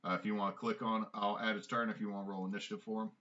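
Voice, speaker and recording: Give me a male game master with a bright, tense voice, talking in a relaxed way with fillers. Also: fairly low pitch, rapid-fire. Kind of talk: narrating a tabletop game. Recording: dull lo-fi mic.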